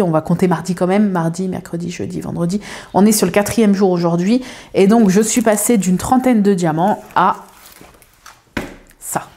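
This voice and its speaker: A woman's voice: medium pitch, a little mellow. A woman chatting casually to her viewers at home, rambling with lots of fillers and restarts. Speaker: craft video creator.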